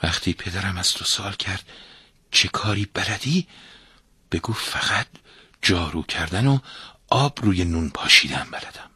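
Shrewd girl, hushed and confiding, read by a male storyteller. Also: low-pitched, animated, long pauses, breathy edge, no room sound, studio quality, heavily acted. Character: shrewd young girl, captor's daughter.

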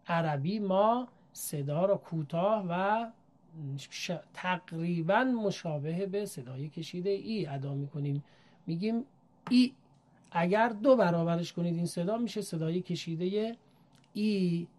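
A woman teaching Arabic vowel sounds, speaking slowly and politely, with Persian as her first language, repeating letter sounds clearly. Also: on the low side, darkish tone. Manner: slow, careful, polite teaching with drawn-out repetition of letter sounds. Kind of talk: recorded lesson.

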